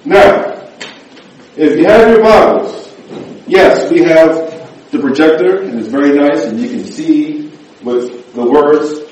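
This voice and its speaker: A man with a slightly high, darkish voice preaches slowly, pausing often, his intonation lively. He jokes with the congregation and keeps seeking "amen" and "right" in reply, recorded from a distant mic in an echoey church hall.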